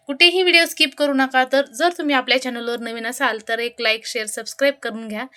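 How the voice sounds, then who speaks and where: Woman storyteller, high voice, devotional tale, measured rhythmic phrasing. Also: bright, forceful tone. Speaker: devotional storyteller, channel host.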